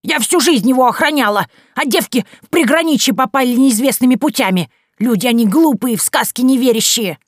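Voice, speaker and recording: A woman reading an audiobook, voicing a frantic, stubborn old witch woman who shouts and snaps back. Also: a little fast, few pauses, no echo, clean studio sound. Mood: shrill. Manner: shrill, shouting and snapping back. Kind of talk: audiobook character voice.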